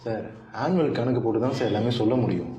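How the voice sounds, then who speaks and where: Curt dismissive man, mellow voice. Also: mid-range voice, animated, fast talker. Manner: dismissive, curt, repeats the rules. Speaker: bank official. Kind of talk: comedic sketch dialogue. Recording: echoey room with faint music.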